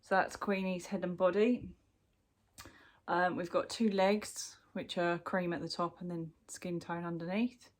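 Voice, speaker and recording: A UK crochet vlogger with a lowish voice and fairly even intonation talks at a measured pace during a casual show-and-tell of her ongoing work. She sounds bunged up with a cold and keeps pausing on ums and starting sentences over.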